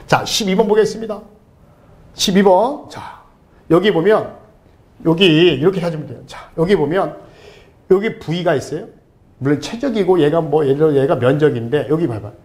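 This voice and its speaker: A man's voice: on the high side, moderate pace, darkish tone. A middle-aged man giving a casual, joking tutoring lesson over a screen recording, talking straight to his viewers. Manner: playful, joking, talks to viewers directly. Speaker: online tutor.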